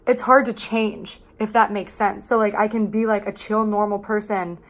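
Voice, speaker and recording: A woman's voice: medium pitch, fairly even intonation, normal speed. A woman of twenty-seven talking candidly and casually to camera as a vlogger, in a confessional, rambling way with plenty of swearing.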